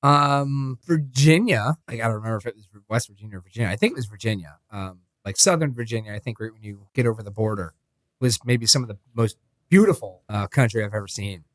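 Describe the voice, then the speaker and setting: A man's voice: medium pitch, fast. A man co-hosting a podcast, chatting in an easygoing way, joking and asking questions. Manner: easygoing, joking, laughs often. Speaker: podcast co-host. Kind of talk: casual podcast chat.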